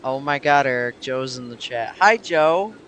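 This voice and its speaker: A man streaming a game, greeting a viewer loudly so his mic audio peaks, clips and distorts. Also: mid-range voice, a little slow, slight background noise. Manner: loud, excited greeting to a viewer in the chat. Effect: clipping, distorted, peaking mic audio. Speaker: livestreamer playing a train game. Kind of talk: casual livestream chat.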